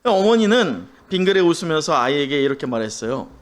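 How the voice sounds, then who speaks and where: Male pastor, sermon; high, very expressive voice, quizzes the congregation and has them repeat phrases. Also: a little fast. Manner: animated storytelling delivery.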